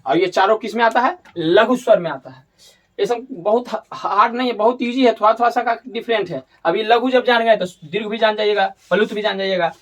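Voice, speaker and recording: Heard through a distant mic with dull audio, a man with a high-pitched, a bit bright voice speaks fairly quickly. He walks through a classroom-style grammar lesson step by step, repeating points and correcting slips as he goes.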